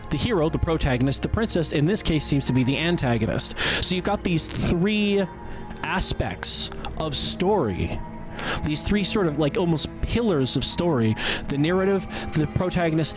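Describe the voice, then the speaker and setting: A man giving casual playthrough commentary as he plays, musing and thinking aloud. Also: a little high. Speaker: gamer playing and commenting. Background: game music and sound effects.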